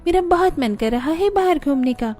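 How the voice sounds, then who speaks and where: A man voicing young women in a cartoon story, in a high falsetto. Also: animated, moderate pace, a little mellow, faint music behind. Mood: pleading. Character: young women: daughter-in-law, sister, scheming neighbor. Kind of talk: cartoon voice acting.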